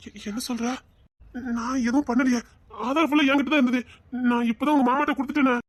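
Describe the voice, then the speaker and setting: A woman's voice: sits high, steady tone, quick pace, no room sound, clean studio sound. A woman playing a panicked young boyfriend who speaks with a Tirunelveli Tamil accent and keeps wailing and begging to be believed. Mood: frantic pleading. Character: panicked young male boyfriend, pleading and guilt-ridden.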